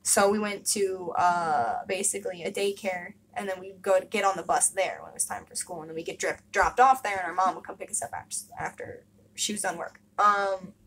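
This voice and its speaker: A young woman talks straight to the camera in a casual confessional vlog, blunt and emphatic, peppering her speech with fillers and curse words. Her voice sits at an ordinary middle pitch. A faint hum of room ambience hangs behind her. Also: steady tone, brisk, a bit bright, poor audio. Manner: candid, emphatic, frequent swearing and fillers. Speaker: vlogger.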